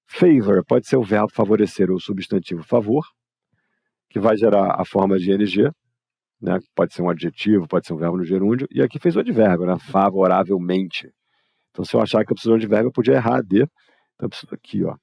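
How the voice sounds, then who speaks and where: Man, Brazilian Portuguese accent, English teacher, informal live lesson, husky, dark voice. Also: on the low side, fast, dry recording. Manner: explanatory, informal, addresses students directly. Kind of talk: live online grammar lesson.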